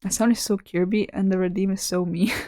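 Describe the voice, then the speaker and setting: A woman hosting a casual livestream, chatting playfully with her viewers and breaking into animated exclamations. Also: mid-range voice, brisk. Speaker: livestream host, artist. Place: indoor room at a computer.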